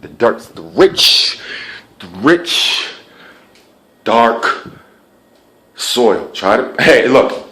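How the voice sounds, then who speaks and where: Husky-voiced man ranting in a monologue. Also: big pitch swings, drawn-out words, pauses often. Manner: swings between low muttering and loud shouting; profane, repetitive, restarts often. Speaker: vlogger. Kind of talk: rambling monologue.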